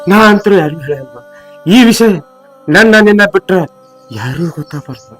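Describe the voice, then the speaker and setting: A man's voice: sits high, animated, normal speed, a bit bright, soft background music. A man playing a stern old village patriarch. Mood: stern advice. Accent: North Karnataka Kannada. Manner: scolding, preachy lecturing. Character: stern elderly village patriarch, father-in-law. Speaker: actor in a village comedy film.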